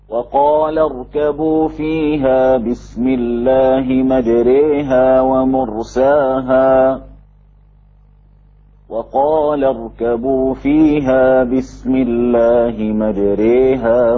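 A man reciting Quranic verses in a drawn-out, melodic chant. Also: medium pitch. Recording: tinny phone-like sound.

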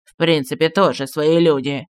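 Мужчина-чтец аудиокниги озвучивает старого маршала в отставке, неторопливого и ворчливого, который вспоминает былое. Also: male voice, clean tone, no echo, studio quality, natural voice. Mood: confiding. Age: older. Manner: slow, low, grumbling reminiscence. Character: old retired marshal, gruff, nostalgic, secretive.

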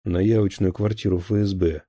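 A man's voice: sits low, steady tone, a little fast, warm tone, no echo, studio quality. A man voicing a tense captured male security officer who gives clipped, defensive answers under interrogation.

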